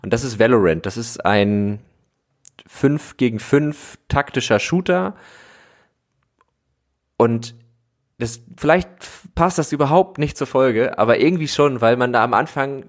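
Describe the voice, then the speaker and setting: A man's voice: mid-range voice, measured pace, pauses often. A man hosting a podcast, chatting casually and thinking aloud as he talks. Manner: relaxed, thinking aloud with fillers and restarts. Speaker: podcast host. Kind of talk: casual conversational interview.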